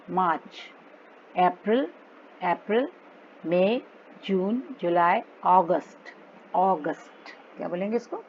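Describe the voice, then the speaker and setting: Indian woman phonics teacher for kids, unhurried and patient, muffled audio. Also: medium pitch, slight background noise. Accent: Indian English. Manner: slow, patient drilling of words. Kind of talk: phonics lesson for children.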